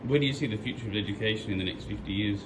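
A man's voice: lowish voice, racing. A young man with an Australian accent asking a robot curious, upbeat questions in a museum hall. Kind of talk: casual questions. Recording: echoey museum hall with crowd noise.

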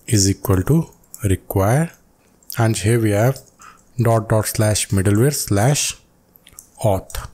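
A man's voice: mid-range voice, dark tone. A man hosting a coding tutorial, dictating code step by step over a screen recording.

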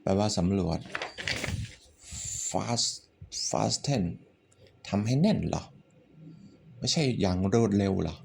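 A man with a Thai accent, teaching English vocabulary in a relaxed way, thinking out loud and swearing offhandedly. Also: on the low side, slow pace, creaky, long pauses, a little hiss or hum. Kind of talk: casual spoken vocabulary lesson.

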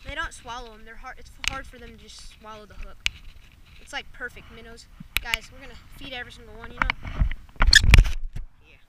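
A woman talking excitedly outdoors by a pond, calling out to her viewers again and again, filmed on a wearable action camera. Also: on the high side, brisk, long pauses. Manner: excitable, keeps saying "guys". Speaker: fishing vlogger. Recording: distant mic with loud outdoor noise.

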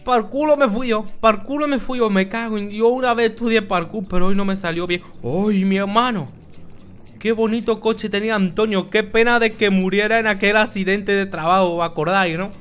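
A man's voice: high voice, steady tone, normal speed, a bit bright, clear, resonant tone. A man voicing a stoned, rambling drug-addict character who swears a lot, as comic commentary over gameplay. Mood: goofy, rambling. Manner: rambling, swearing, keeps calling people "my brother". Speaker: gaming YouTuber in character.

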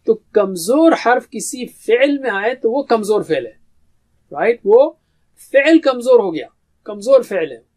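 A man's voice: extremely high pitch, lively intonation, darkish tone. A man giving a grammar lesson as a teacher, explaining patiently and asking his own questions before answering them. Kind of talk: classroom lecture.

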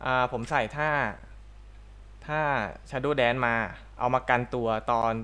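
A man's voice: mid-range voice, steady tone, slow pace, fairly bright tone, smooth. A young man casually talking through a game tutorial, chatty and self-correcting as he thinks aloud while playing. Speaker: gaming channel host.

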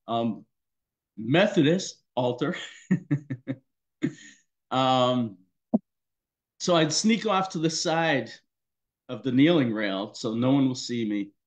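A male pastor giving a personal testimony in a worship service, in a conversational, halting way with many fillers. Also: medium pitch, dull audio.

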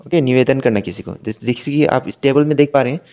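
A male teacher walks a class through a grammar lesson in a patient, repetitive way, checking in with the students again and again. He reads each English example slowly and then translates it. His voice sits at a middle pitch, and the recording is dull and lo-fi. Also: warm tone.

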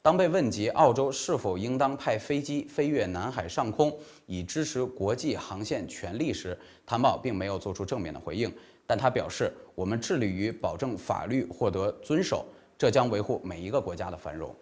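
A man's voice: fairly low pitch, expressive, normal speed, few pauses, a little mellow. A man in his thirties reading scripted news as a formal anchor, recorded on a lapel mic in a small studio.

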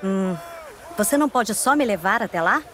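An actress as Eveline, lively sly circus performer. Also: female voice, mid-range voice, moderate pace, noisy background, close to an everyday voice. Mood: breezy. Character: sly, breezy, daring female circus performer. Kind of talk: dubbed video game acting.

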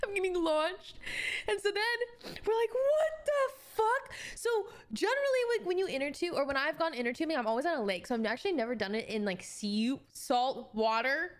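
High, lively woman recounting a wild boat ride. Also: fast talker. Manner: animated and profane, laughing through the telling. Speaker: streamer telling a travel story. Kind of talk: casual storytelling.

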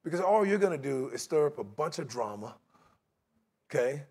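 A man's voice: a little high, big pitch swings, normal speed, a little mellow, slightly rough. A middle-aged man preaching a sermon in a large church sanctuary, talking in a conversational way and slipping into mocking voices for his examples.

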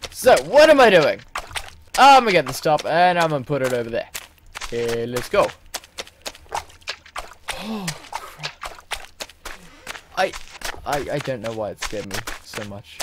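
Excitable man narrating his own gameplay. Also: fairly high pitch, unhurried, long pauses, noisy background. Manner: excitable, talks to himself and the game, self-mocking. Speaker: gaming video host. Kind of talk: let's play commentary.

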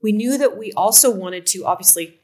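A fairly quick, medium-pitched voice belongs to this company co-founder, a fifty-something American woman from Oregon. She gestures animatedly during a casual interview, speaking from a room at home over a video call webcam.

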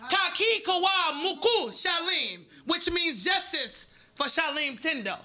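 A woman's voice: extremely high pitch, big pitch swings, unhurried. Defiant woman speaking out at a podium. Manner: forceful, defiant, rhetorical. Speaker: relative giving public comment. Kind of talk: impassioned public comment. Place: community meeting hall. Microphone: podium microphone.

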